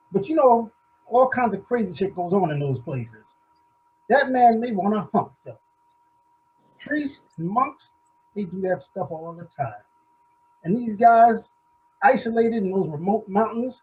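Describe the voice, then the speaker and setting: A man's voice: high-pitched, animated, measured pace, pauses often, slightly rough, narrow, tinny audio, heavily acted. An actor playing Howard, a crude, blustering middle-aged man, in a stage play reading. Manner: brash, loud, crude.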